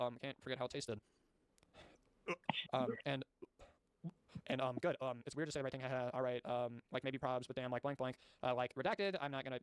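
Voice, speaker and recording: A man's voice: medium pitch, clean tone, no echo. A male streamer reading documents aloud with live commentary, often stumbling over words and breaking off into exasperated, profane asides.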